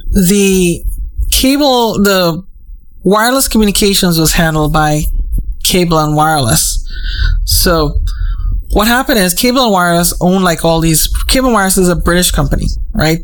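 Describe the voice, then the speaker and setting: Host from Trinidad and Tobago, casual explainer monologue, mid-range pitch, meandering, thinking aloud. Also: moderate pace, slight background noise, low-quality recording.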